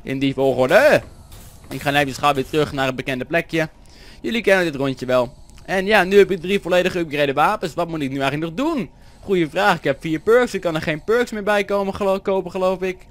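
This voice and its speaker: A Dutch teenage boy doing excitable Let's Play commentary, swearing and yelping at setbacks and humming along as he plays. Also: fairly high pitch, brisk. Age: teens. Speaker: gameplay commentator. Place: home room with a vacuum cleaner running outside.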